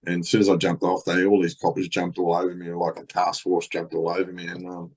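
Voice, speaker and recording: Deep-voiced rambling Australian man. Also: monotone, quick pace, husky. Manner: rambling, heavy swearing, many fillers. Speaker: podcast guest. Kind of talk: casual storytelling.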